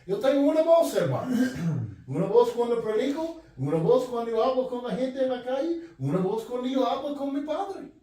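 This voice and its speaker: A man with a high voice preaching a sermon, earnest and direct, circling back over his own phrases. He is picked up from well away from the mic, and his words ring around a very reverberant room. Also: very animated, moderate pace, warm tone. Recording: very echoey room, voice from far off.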